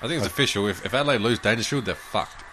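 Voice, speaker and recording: A man's voice: on the low side, racing, crowd noise. A man with an Australian accent chatting casually and bluntly about football as a podcast co-host.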